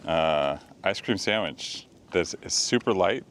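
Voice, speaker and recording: A man's voice: deep voice, expressive, slow pace, a bit bright, slight background noise. A man casually chatting outdoors by a campfire in falling snow, rambling with lots of fillers. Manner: rambling, filler-heavy talk with many "like"s. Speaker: channel co-host. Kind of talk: casual chat.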